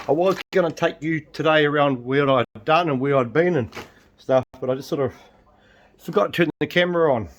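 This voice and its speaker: A man's voice: a little high, low-quality recording. A man, rambling chattily through a casual home vlog from his kitchen and swearing now and then. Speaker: vlogger. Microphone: handheld camera.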